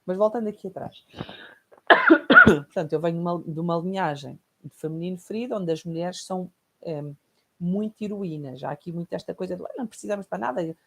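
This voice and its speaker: A European Portuguese woman with a slightly low voice gives a recorded online lesson. She explains her points reflectively and keeps checking in with her listeners through tag questions. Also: animated, a little fast, background noise. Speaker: course teacher.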